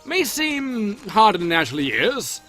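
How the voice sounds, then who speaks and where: A man's voice: sits high, huge pitch swings, moderate pace, a bit bright, faint music behind. A man doing casual, jokey game commentary as a let's-play host. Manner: playful, jokey, rambling asides.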